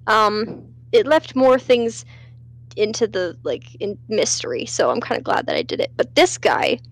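A woman's voice: medium pitch, big pitch swings, unhurried, gravelly. A woman hosting a let's play, chatting in a rambling way with lots of fillers and restarts. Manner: rambling, with many fillers and self-corrections. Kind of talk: casual game commentary.

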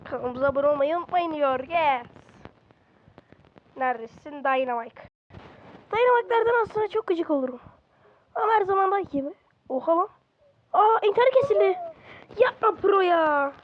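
A high-pitched woman talks through her game in a casual, excitable way, breaking into exclamations and grumbling at the other players. She is recording in a bedroom at home. The sound is slightly dull and lo-fi. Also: normal speed, pauses often. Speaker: gaming video creator. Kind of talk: casual gameplay commentary.

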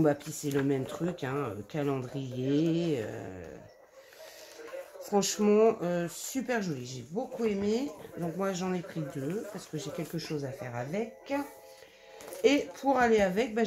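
A woman's voice: lowish voice, warm tone. A woman vlogger casually showing her scrapbooking haul, gushing over each paper with lots of fillers and calling her viewers affectionate names. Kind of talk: casual product haul show-and-tell.

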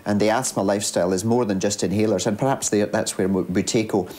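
An older man with a New Zealand accent, a medical expert who speaks in a cautious, measured way in an office. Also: lowish voice, fairly even intonation, a little mellow.

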